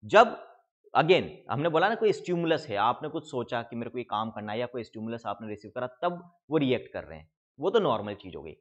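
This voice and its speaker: Lively Indian man teaching biology. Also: medium pitch, a little fast, dull audio. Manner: explains step by step, often asks the class questions and answers them; mixes English terms into Hindi speech, calls students kids. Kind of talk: online exam-prep lecture.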